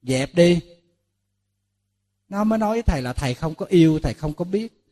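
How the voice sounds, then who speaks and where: A Buddhist monk preaches to a gathered audience in a fairly high voice. He tells lively stories and plays out both sides of conversations. He keeps turning to the listeners with rhetorical questions. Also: brisk. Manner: lively storytelling, acting out dialogues with listeners. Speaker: Buddhist monk giving a dharma talk. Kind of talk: sermon to a lay audience.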